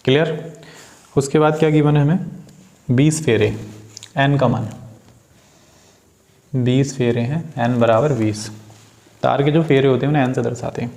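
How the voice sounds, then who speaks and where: A man's voice: medium pitch, moderate pace, pauses often, darkish tone. A man teaching a physics lesson, patiently working through solved problems, asking questions and answering them himself. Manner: patient, addresses students as beta, asks and answers own questions. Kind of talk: classroom problem-solving lesson.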